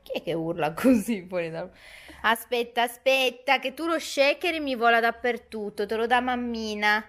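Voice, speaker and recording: A woman's voice: fairly high pitch, moderate pace, fairly bright tone. A young woman and mother talking casually to her viewers in a home vlog, chatty and explaining things, filmed on a handheld camera in her kitchen and living room. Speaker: vlogger and mother.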